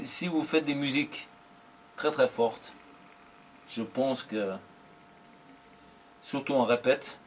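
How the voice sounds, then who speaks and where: A man in his forties, a professional drummer, giving unhurried, thoughtful interview answers in short broken phrases. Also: lowish voice, a little hiss or hum. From Germany.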